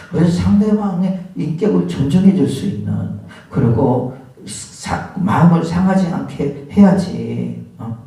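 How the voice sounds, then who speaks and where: Warm in tone and medium in pitch, this preacher asks his congregation rhetorical questions and occasionally voices the scolding people from his examples. The sermon was captured from a distance in a very echoey church sanctuary.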